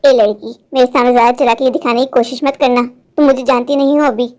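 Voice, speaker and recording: A woman voicing a worried, sharp-tongued old mother-in-law in a cartoon, fretful and scolding. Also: fairly high pitch, steady tone, quick pace, close to an everyday voice. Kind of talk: animated Hindi cartoon voice acting.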